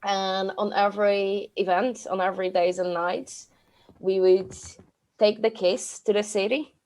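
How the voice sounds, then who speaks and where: A woman from Poland with a Polish accent, chatting casually on a podcast in slightly halting non-native phrasing. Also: mid-range voice, fairly even intonation, a little mellow. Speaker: podcast co-host. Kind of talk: casual chat.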